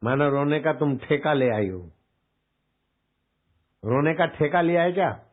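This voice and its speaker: A man's voice: fairly high pitch, animated, a little slow. A male spiritual teacher giving a folksy devotional discourse, full of scolding rhetorical questions. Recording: tinny phone-like sound.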